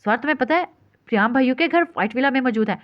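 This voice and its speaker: A bossy young woman voiced by a woman scolds without pausing, her voice a little high and animated. The storybook recording is dull and lo-fi. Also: close to an everyday voice. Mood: scolding. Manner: rapid nonstop scolding.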